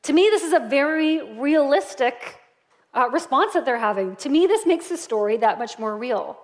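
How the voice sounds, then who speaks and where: High-voiced woman preaching an Easter sermon. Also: normal speed. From Canada. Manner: storytelling, dynamic, shifts between soft and animated. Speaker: pastor.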